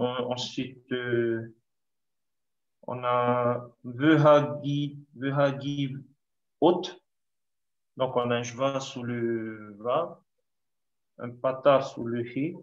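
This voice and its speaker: A male student works through a text aloud in class, slow and hesitant, filling gaps with "euh". His voice comes through muffled and lo-fi over an online lesson connection. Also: medium pitch. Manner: slow, hesitant, many fillers. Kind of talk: reading and parsing aloud in class.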